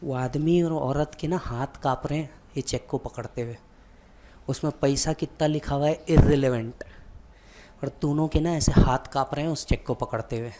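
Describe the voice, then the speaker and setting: A man's voice: fairly high pitch, moderate pace, warm tone. A man who teaches exam students, telling a vivid motivational story and speaking directly to the listener.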